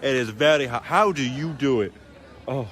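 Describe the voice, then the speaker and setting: A man's voice: medium pitch, moderate pace, a bit bright. A man live-streaming outdoors on a city street at night, chatting casually in a rambling, joking way with plenty of fillers. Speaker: livestreamer.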